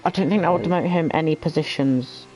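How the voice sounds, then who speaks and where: A man with a fairly high voice leads casual commentary on a racing league. He calls the action in short, sometimes halting phrases, thinking aloud, over faint background noise. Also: darkish tone, rough recording. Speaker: lead commentator.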